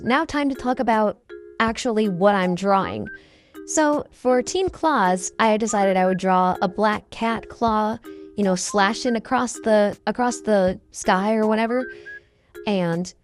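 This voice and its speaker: A young woman with her voice run through a voice changer, giving casual, unscripted, self-deprecating video commentary in an informal way. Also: medium pitch. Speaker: host, hobby artist.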